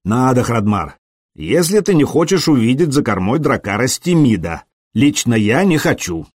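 A man narrating an audiobook voices a Norse ship's helmsman who speaks in a deliberate, matter-of-fact way. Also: mid-range voice, big pitch swings, a little mellow, no echo, clean studio sound.

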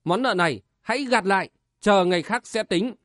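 A man's voice: high-pitched, normal speed, fairly bright tone, dry recording, clean studio sound. A man voicing a haughty, cold young martial-arts princess in an audiobook, speaking in a commanding tone. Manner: imperious, commanding.

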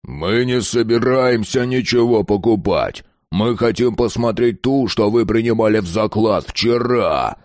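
A man voicing a crude, brutal ex-convict who talks in a gruff growl. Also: deep voice, big pitch swings, slow, few pauses, darkish tone, no echo, clean studio sound, full character voice. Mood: menacing. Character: rough thuggish male ex-convict, crude and brutal.

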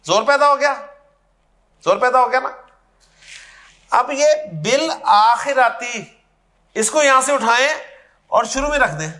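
A man's voice: very high voice, expressive, long pauses, sharp tone. A man teaching Arabic grammar in a classroom lecture, explaining step by step and checking that his students follow.

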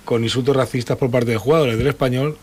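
A man's voice: mid-range voice, steady tone, quick pace, darkish tone, slight background noise. A man on a sports radio panel bringing up a football news story, with hesitant fillers as he talks.

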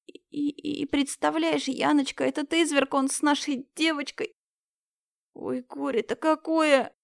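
A woman's voice: high-pitched, fairly even intonation, a little slow, gravelly, no room sound, clean studio sound, pitched above the performer's own voice. A woman reading an audiobook, voicing an elderly woman neighbor who speaks through sobs in broken, stammering phrases. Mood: grief-stricken. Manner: sobbing, broken.

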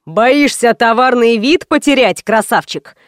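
A menacing gang boss barks his threats, as a woman reading a storybook puts him on. The voice is lowered and gruff, rough in manner. Dry, close recording. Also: measured pace, dry recording, natural voice. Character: male gang leader, menacing thug. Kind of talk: audiobook character voice.

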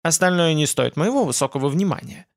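A man's voice: fairly high pitch, expressive, a little fast, gravelly, no echo, studio quality. A male audiobook narrator voicing a brash, boastful young companion in a fantasy story. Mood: cocky, boastful.

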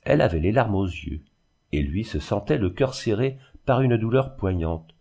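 A man narrating a literary audiobook in a measured, even storytelling manner. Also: lowish voice, vocal fry.

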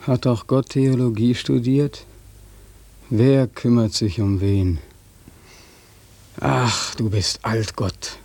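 Bitter young war veteran, accusing and mocking, radio play, dark husky voice, dry studio sound. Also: male voice, medium pitch, fairly even intonation, slow pace, long pauses, dry recording.

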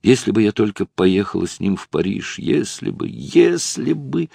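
A proud, resolute young woman in love, as a male narrator voices her speaks softly and with restraint. The voice sits very low and has a gravelly edge. The sound is close and dry. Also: big pitch swings, moderate pace, dry recording, full character voice. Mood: anguished.

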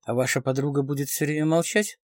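A man reading the part of a smooth, confident man around forty who speaks in a pleasant baritone, in a dry close recording. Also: steady tone, fast talker, dry recording, lightly acted. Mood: suave.

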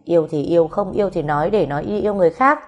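A woman voicing a blunt, foul-mouthed grown woman who scolds roughly in a storybook reading. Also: fairly low pitch, rapid-fire, lightly acted. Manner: rough, scolding, swears freely.

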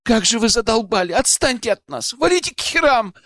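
Man voicing a high frantic young woman. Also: lively intonation, fairly quick, vocal fry, fairly bright tone, husky, no room sound, clean studio sound, full character voice. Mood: screaming. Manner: shrill cries then trembling whispers. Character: distraught young woman, frightened and tearful.

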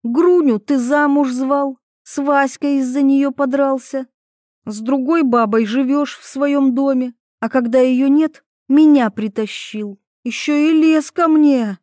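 A woman's voice: moderate pace, dry recording, clean studio sound, natural voice. A woman doing a fiery, mocking young woman. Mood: heated, mocking. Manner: high, loud, mocking retorts. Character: sharp-tongued young woman, quick to boil.

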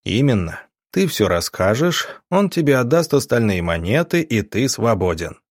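A man voicing a calm, cunning doctor who speaks in measured, deceptively kind tones. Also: mid-range voice, no room sound, studio quality. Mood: scheming. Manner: calm, measured, turning cold.

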